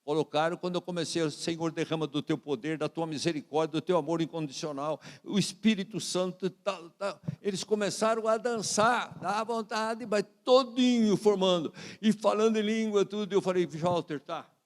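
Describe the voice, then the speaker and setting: Man, Brazilian Portuguese accent, pastor preaching, lively storytelling, fairly high voice, long church reverb. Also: moderate pace, hardly any pauses. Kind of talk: sermon. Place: church sanctuary.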